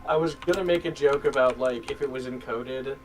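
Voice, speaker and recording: A man's voice: mid-range voice, brisk, a little hiss or hum, low-quality recording. A man playing a tabletop game, chatting casually and saying "like" a lot. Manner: chatty, lots of "like". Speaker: player.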